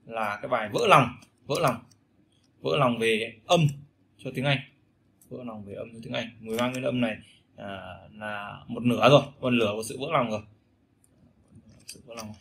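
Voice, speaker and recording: Male teacher, bright tone, drills vowel sounds by repetition, casual lesson. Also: mid-range voice, a little fast, gravelly, slight background noise. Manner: repeats sounds and phrases many times, demonstrating vowels. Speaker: English pronunciation teacher.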